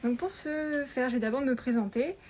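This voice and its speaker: A woman presenting an informal tutorial through a face mask, speaking carefully and deliberately with frequent pauses and a slightly muffled sound. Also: sits high, darkish tone. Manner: careful, deliberate, often pausing. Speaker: patternmaker presenting a lesson. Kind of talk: spoken tutorial with informal explanations. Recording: clear background room noise.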